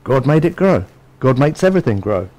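A man's voice: mid-range voice, very animated, fairly quick, mellow, rough recording. Man preaching in a chatty, storytelling way. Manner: conversational, storytelling delivery with frequent asides. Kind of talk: sermon.

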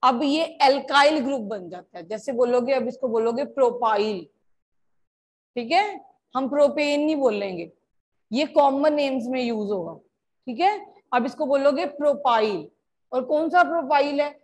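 A high-pitched woman teacher from India explains chemistry at an unhurried pace. She drifts between Hindi and English and keeps asking her students whether they understand. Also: lively intonation. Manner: mixes Hindi and English, checks understanding often; addresses students as beta. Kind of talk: classroom lecture.

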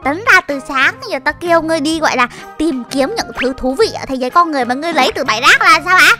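A woman's voice: high voice, lively intonation, racing, music in the background. A woman hosting a Minecraft role-play, exclaiming constantly and bossing a partner in a mock-regal tone while talking to viewers. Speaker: host.

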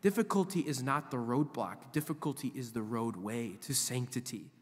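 A man in his forties, a visiting priest, preaching a sermon at a church lectern in an animated, emphatic way. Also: mid-range voice, normal speed. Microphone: lectern microphone. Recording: long church reverb.

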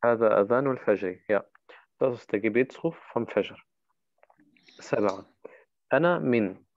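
A man's voice: on the low side, lively intonation, fast talker, dry recording, dull audio. A man teaching Arabic in a one-to-one online lesson, patiently walking his student through each answer.

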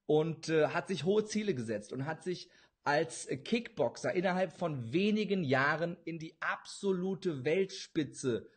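Husky young man hosting a podcast. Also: fairly high pitch, animated, unhurried. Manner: eager, effusive, laughs often. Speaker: podcast host. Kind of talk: enthusiastic podcast interview. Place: indoor room with bookshelves, video call.

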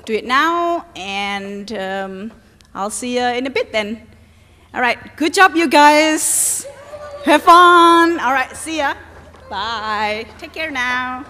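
A woman's voice: on the high side, measured pace, bright, forceful tone. A woman playing an encouraging choir director on a theatre stage, giving instructions to a group. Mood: cheerful, brisk. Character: encouraging female choir director rallying her singers. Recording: echoey hall from far off, audience noise.

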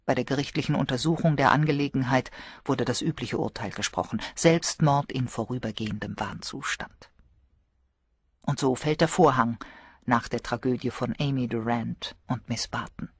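A woman reading a mystery audiobook in steady, measured narration. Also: extremely low pitch, breathy edge, dry recording. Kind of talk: scripted narration.

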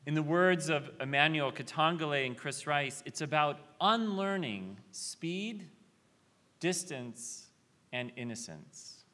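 A man in his thirties preaching a sermon from a podium microphone in a large convention hall, measured and reflective, with rhetorical questions. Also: mid-range voice, fairly bright tone. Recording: reverberant hall.

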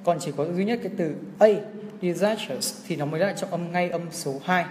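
Streaming from an indoor room while filming his screen, a young male English teacher with a high-pitched, slightly mellow voice works through an exam at a quick pace. He keeps it chatty and frequently checks on his viewers, and the room has long reverb.

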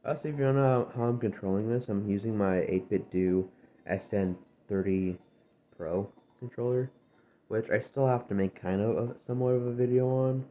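A man's on-the-low-side, gravelly voice, dry from just waking, carries casual gameplay chatter for his channel at normal speed. He meanders across topics and corrects himself repeatedly, heard through tinny phone screen-recorder audio with faint noise.

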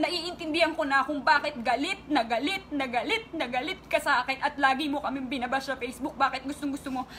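Angry tearful woman with a high, bright voice. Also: slight background noise. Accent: Filipino. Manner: angry, tearful, speaks straight to critics. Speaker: vlogger. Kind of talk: emotional online rant.

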